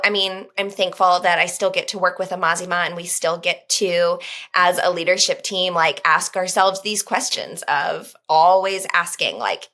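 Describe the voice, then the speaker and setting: A woman in her thirties, a podcast guest speaking in an earnest, reflective way with frequent pauses and fillers. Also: lowish voice, a bit bright. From United States. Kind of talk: podcast conversation.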